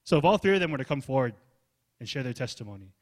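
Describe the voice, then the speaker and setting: A man preaching a sermon in a loose, conversational way, acting out little asides and building up to energetic emphasis. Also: mid-range voice, very fast. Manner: loose, casual phrasing with fillers. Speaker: pastor.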